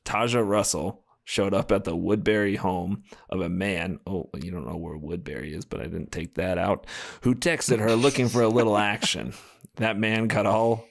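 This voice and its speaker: Male podcast co-host, low gravelly voice, reads quirky news aloud, jokey and laughing. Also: normal speed. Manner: jokey, laughs between sentences. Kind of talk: casual chat, reading news stories aloud.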